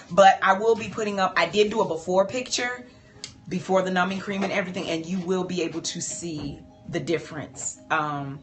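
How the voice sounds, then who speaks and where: A woman, chatting candidly and warmly to viewers while filming her cosmetic treatment in a doctor's office. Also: on the low side. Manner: animated, chatty, heartfelt, addresses viewers as y'all. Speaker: patient filming her own cosmetic procedure. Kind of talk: candid livestream talk to viewers.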